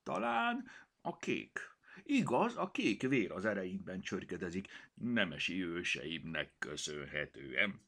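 Man doing a vain storybook cat, pompous, drawn-out, swooping high, husky tone. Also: very animated, sharp tone, exaggerated voice. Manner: pompous and drawn-out, mock-dramatic. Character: vain, touchy, theatrical mixed-breed house cat.

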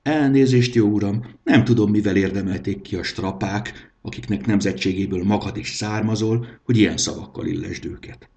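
A man's voice: on the low side, gravelly, hardly any pauses, a little mellow. A man voicing a timid, earnest male servant in a storybook reading.

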